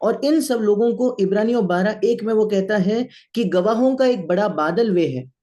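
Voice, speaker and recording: High, mellow male interpreter. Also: normal speed. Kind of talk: sermon interpretation.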